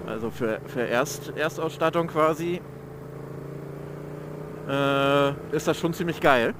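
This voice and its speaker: Young guy motovlogging inside helmet, bit higher voice, slangy and loose, noticeable bike noise. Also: slow pace. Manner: slangy, loose, searching for words; talking inside a helmet while riding. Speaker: motovlogger reviewing his motorcycle. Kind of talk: casual rambling vlog commentary while riding. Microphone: mic inside motorcycle helmet. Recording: helmet mic with engine and road noise. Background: motorcycle engine and outdoor traffic noise.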